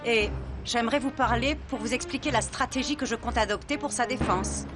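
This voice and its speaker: A formal, businesslike lawyer, as an actress plays her, her voice a touch high and composed. She speaks with polite authority. Soap music plays faintly beneath the dub. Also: fairly quick, natural voice. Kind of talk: dubbed telenovela acting.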